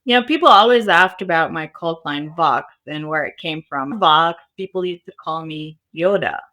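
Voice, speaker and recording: The founder of a cybersecurity school, a woman whose first language is Arabic and who is from an Arabic-speaking country, appears as a podcast guest near Las Vegas. Her voice is bright yet deep, at normal speed.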